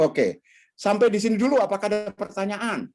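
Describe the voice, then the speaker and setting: Animated man leading a training. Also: moderate pace. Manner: animated, swings pitch widely, addresses audience directly. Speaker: communication trainer. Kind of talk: online training session with shared slides.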